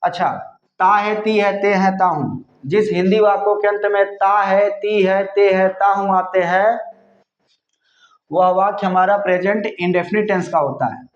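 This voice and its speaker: A man teaching English grammar in Hindi, explaining slowly and repeating himself, spelling words out letter by letter. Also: high voice, fairly even intonation. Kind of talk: Hindi-language grammar lesson. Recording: echoey room, slightly dull sound.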